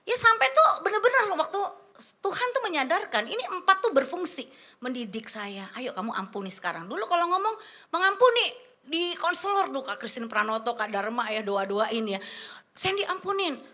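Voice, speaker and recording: A woman preaching a testimony sermon to a church congregation, animated and full of slang, calling the listeners "saudara". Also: high voice, moderate pace. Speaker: guest preacher. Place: church service before a congregation.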